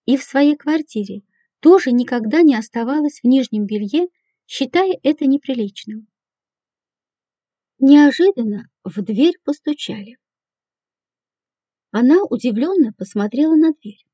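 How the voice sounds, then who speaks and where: A woman narrating an audiobook in a measured, even reading voice. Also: high-pitched, dry recording. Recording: dull, dry lo-fi recording.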